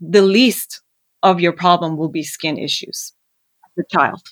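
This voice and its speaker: In a casual interview, a skincare founder born in Iran and raised in Canada shares her story as a guest, earnest and hesitant with lots of fillers. Her voice is on the low side and unhurried, recorded in clean studio sound with no room noise.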